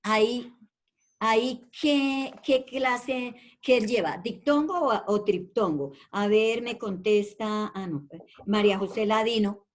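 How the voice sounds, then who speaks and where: A woman's voice: on the high side, slow pace. A woman teaching an online primary school language class, patiently calling pupils by name and repeating her questions in an affectionate way. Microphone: video call.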